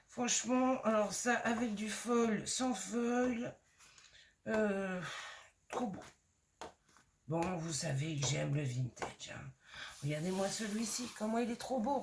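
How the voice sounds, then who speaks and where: A woman with a slightly hoarse voice, chatting casually and gushing as she shows off craft supplies in a haul video. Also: medium pitch, a little hiss or hum. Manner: chatty and gushing, lots of fillers. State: voice a bit hoarse. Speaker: scrapbooking vlogger.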